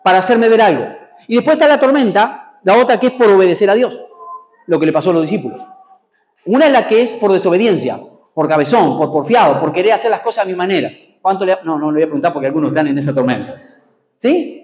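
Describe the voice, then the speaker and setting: A man's voice: sits high, lively intonation, quick pace, darkish tone, echoey room, highs cut off. A man preaching a sermon in a church, prompting the congregation to repeat after him and answer amen. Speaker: pastor. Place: church hall.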